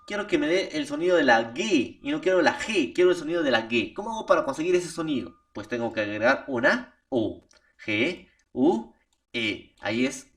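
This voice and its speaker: A man's voice: mid-range voice, distant mic. A male teacher with a Peruvian Spanish accent giving a recorded spelling lesson, often tagging "¿no?" and "profesor". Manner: animated, repeats "profesor" and "¿no?" as tags. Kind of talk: recorded remote language lesson.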